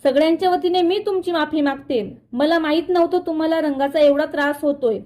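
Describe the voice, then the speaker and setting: A woman's voice: high voice, a little fast, a little mellow, natural voice. A woman voicing an apologetic young wife pleading earnestly.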